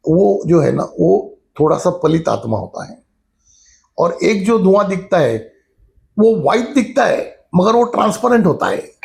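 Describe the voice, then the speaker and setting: Middle-aged guy with a real gravelly voice, kinda high for a man, chatting about spirits, keeps saying "you know". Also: a little mellow. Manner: conversational, repeats the filler "jo hai na" often. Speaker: spiritual teacher. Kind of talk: casual spiritual talk with storytelling.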